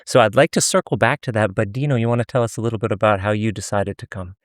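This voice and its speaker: A man's voice: lowish voice, fast, dry recording, studio quality. A man hosting a podcast interview, asking questions in a friendly, conversational way. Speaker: podcast host.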